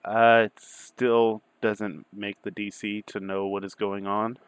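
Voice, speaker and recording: A man acting as game master, improvising narration for a tabletop game in an informal, halting way. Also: lowish voice, flat delivery, smooth, no echo.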